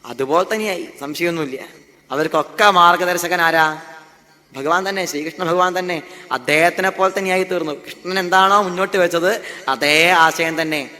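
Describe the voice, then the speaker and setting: A man's voice: high voice, normal speed, bright, forceful tone. A man giving a devotional discourse, asking rhetorical questions and answering them himself. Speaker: Bhagavatam speaker. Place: festival hall. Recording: long hall reverb.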